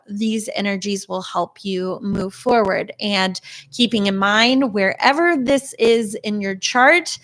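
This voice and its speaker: A woman speaking unscripted as a spiritual guide, halting with searching pauses and gently instructing her listeners. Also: mid-range voice. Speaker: spiritual guide giving an energy reading.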